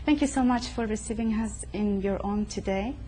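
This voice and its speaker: Woman interviewer, poised and formal, dark mellow tone, faint noise behind. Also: mid-range voice, normal speed, poor audio. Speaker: host. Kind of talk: studio-style interview. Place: a private home.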